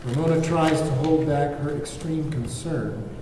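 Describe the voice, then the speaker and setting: This is scripted narration from a table read: a man with a somewhat high voice reads screenplay stage directions a little slowly. The mic sits far from him in a reverberant room, with background noise audible.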